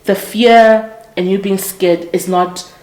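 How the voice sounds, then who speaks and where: Slow and fairly even in intonation, a medium-pitched woman's voice with a darkish tone carries this casual motivational monologue from a podcast host in her late twenties. She is earnest and reflective, often correcting herself mid-sentence. Poor audio, echoey room.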